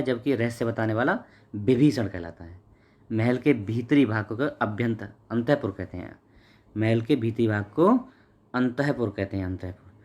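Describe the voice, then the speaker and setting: A man teaching an exam-prep lesson, asking questions, answering them himself and repeating key words. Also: medium pitch. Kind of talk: Hindi grammar lesson.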